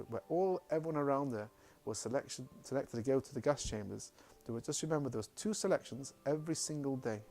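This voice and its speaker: Halting man telling a family story. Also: mid-range voice, creaky, darkish tone. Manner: halting, repeats words often. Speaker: speaker recounting family history. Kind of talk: spoken personal testimony.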